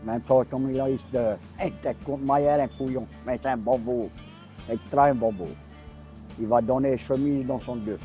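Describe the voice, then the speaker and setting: A mellow, relaxed older man with a Cajun French accent. He rambles casually and repeats himself, with faint music behind him. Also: mid-range voice, normal speed. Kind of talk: casual chat.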